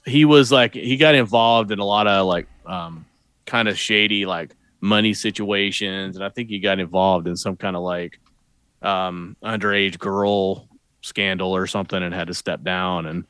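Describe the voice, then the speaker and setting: A man with a fairly low voice chats casually as a podcast co-host. He rambles and hesitates as he explains. The recording is dry and close. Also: fairly even intonation, normal speed, fairly bright tone, clear, resonant tone, no room sound. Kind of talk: casual chat.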